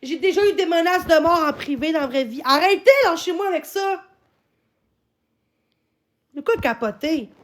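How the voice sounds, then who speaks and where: A woman with a Québécois French accent, talking live to her chat, swearing constantly, repeating herself and bursting into shouts. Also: high voice, animated, a little fast, hardly any pauses. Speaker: livestreamer answering her chat. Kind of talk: live-stream rant.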